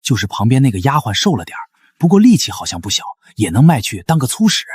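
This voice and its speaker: A rough, husky voice of a greedy trafficker on a river boat in a costume drama. He talks fast and crudely, with his pitch swinging up and down. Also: very animated, darkish tone, dry recording, clean studio sound. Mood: leering. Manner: leering, crude, quick.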